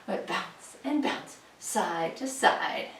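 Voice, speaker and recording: Woman fitness instructor, playful sing-song cues, lively voice, roomy echo, mic far off. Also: lowish voice, takes it slowly. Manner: chatty and playful, cueing moves in a sing-song voice. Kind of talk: home workout instruction. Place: room at home. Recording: echoey room, voice from far off.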